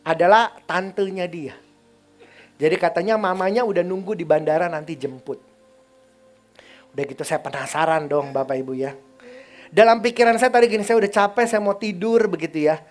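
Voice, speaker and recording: A male pastor telling a story in a sermon, chatty and often putting questions to the congregation. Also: high-pitched.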